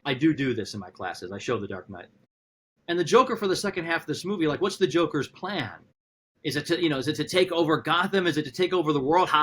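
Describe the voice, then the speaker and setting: A male philosophy professor thinks aloud in a podcast conversation, animated and restarting often as he works through ideas. He acts out quotes using sudden high-pitched voices.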